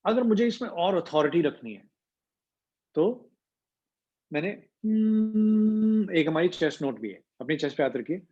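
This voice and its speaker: A man leads a voice training class, moving between Hindi and English. His voice sits a little high, and he hums to show how pitch moves. The sound is muffled and lo-fi, like a video call. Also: big pitch swings, darkish tone, husky. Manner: mixes Hindi with English, demonstrates pitch with hums and slow pauses. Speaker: voice coach.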